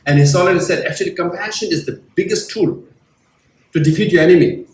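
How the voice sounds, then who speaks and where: A man's voice: high-pitched, fast talker. A middle-aged man giving a motivational talk to a live audience, telling stories animatedly and acting out the voices he quotes. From Tibetan. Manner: animated storytelling, acts out quoted voices, asks the crowd questions. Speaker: guest speaker. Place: large room with a live audience. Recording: roomy echo, voice from a distant mic.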